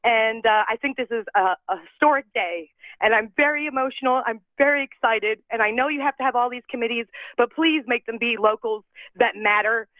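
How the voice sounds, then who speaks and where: Woman caller, feverish, emotional and urgent, high-ish voice, tinny dry phone line. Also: no echo. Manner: emotional, rapid, voice rising and breaking. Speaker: public commenter calling in. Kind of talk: emotional public comment.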